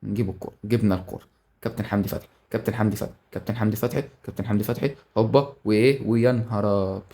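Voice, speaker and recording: This man speaks fast and fairly low, with an Egyptian Arabic accent. He's a gaming YouTuber giving excited live commentary on a football video game, yelling at the players on screen and bantering with the audience.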